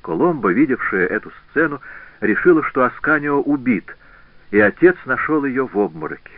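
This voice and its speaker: A man narrating a historical novel as an audiobook in a measured, expressive reading. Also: mid-range voice, creaky, dry recording. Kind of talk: scripted narration. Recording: tinny phone-like band, dry.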